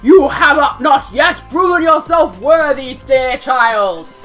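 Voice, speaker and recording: A woman reading aloud in a loud, proclaiming voice, voicing the booming magical voice that speaks from a glowing orb in a video game. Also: takes it slowly, soft background music. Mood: commanding.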